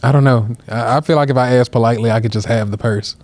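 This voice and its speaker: A man co-hosting a comedy podcast, telling stories in a quick, animated way and cracking jokes. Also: mid-range voice, no room sound. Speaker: podcast co-host. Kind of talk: casual comedy chat.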